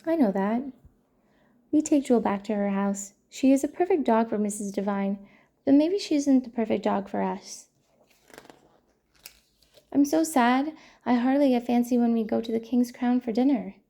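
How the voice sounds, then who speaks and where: A woman hosting a storytime channel, reading a children's picture book aloud in a gentle, playful way. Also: on the high side, moderate pace. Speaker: storytime host.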